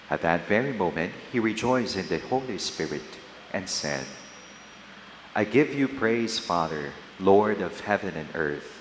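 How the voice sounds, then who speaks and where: Filipino man as a Mass celebrant, deep and deliberate, with cathedral echo trailing every phrase. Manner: slow, measured delivery with long pauses. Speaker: priest. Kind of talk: gospel reading and homily at Mass. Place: large church. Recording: long church reverb, faint hiss.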